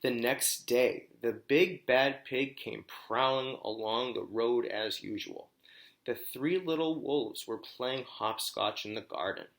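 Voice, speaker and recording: A man reads a children's storybook aloud the way a teacher would, full of expression and stopping to explain things and pose questions. His voice sits mid-range and sounds a bit bright.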